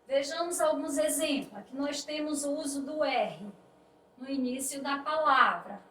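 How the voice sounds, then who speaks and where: A woman teacher explaining spelling rules slowly and patiently, restating each point. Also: high voice, a bit bright. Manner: slow, explanatory, repeats points with "isto é". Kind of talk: spelling lesson. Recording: echoey room, voice a bit distant, faint noise.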